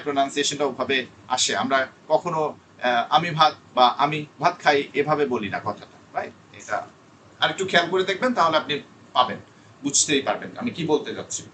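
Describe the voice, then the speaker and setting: A man's voice: fairly high pitch, sharp tone, distant mic, a little hiss or hum. A man teaching an online spoken English class, explaining patiently and repeating key words.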